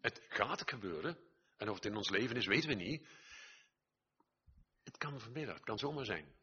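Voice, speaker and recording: A man's voice: fairly low pitch, lively intonation, fairly quick, pushed and bright, breathy edge, dull audio. An older man preaching an earnest sermon, exhorting his listeners, repeating phrases and swelling to emphatic peaks.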